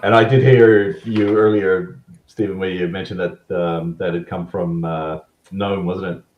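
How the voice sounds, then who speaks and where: A man asking relaxed, curious questions in a casual group chat over a video call. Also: low-pitched, unhurried. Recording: echoey, dull call audio.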